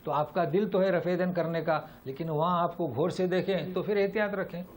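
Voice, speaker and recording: A man's voice: high voice, fairly even intonation, a little mellow. A male Islamic teacher giving a Quran lesson and answering questions. He talks with emphasis and keeps repeating rhetorical questions to drive his point home.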